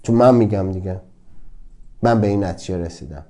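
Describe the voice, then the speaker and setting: Man, self-help lecturer, mellow dark tone, emphatic with rhetorical questions. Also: sits low. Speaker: speaker giving a self-help talk. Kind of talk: motivational lecture.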